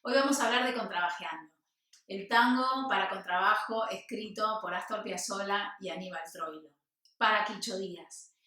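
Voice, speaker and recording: A woman teaching double bass, explaining patiently, singing rhythms with syllables and counting aloud. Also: moderate pace, bright, forceful tone. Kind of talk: instructional music lesson. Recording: very echoey room.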